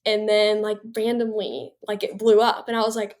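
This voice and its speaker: A young adult woman, a guest on an interview show, telling her story in a bright, bubbly, chatty way full of fillers. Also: medium pitch, monotone, moderate pace.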